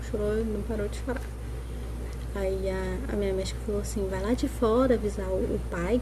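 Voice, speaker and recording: A young woman vlogger telling her own story to viewers in a casual, chatty way, often checking in with them. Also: medium pitch. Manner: chatty, addresses viewers as "gente", frequent "né?". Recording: noticeable background noise.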